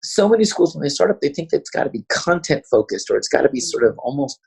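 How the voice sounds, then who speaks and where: Gravelly fast-talking New York man. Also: a little high, poor audio. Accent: New York City. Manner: fast-talking, animated storyteller. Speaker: school founder and principal. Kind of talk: podcast interview storytelling.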